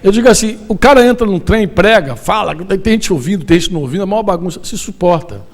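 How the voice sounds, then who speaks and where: A man with a high-pitched voice preaches in a Brazilian Portuguese accent, speaking to pastors and leaders at a conference. His sermon is loose and conversational, full of slang and quick questions to the crowd. He sounds like he is standing before a room. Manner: animated, colloquial preaching with slang and audience questions. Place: conference hall.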